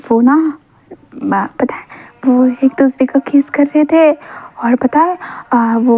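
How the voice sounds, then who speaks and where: A woman's voice: fairly high pitch, dark tone. A woman voicing a childish, clingy young man who pleads and rambles with many fillers. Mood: excited gossip.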